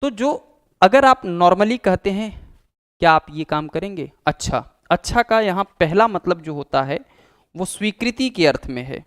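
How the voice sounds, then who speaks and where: A man's voice: high voice, expressive, moderate pace. A man teaching an exam-prep Hindi grammar lesson, explaining patiently, repeating key terms and acting out example phrases.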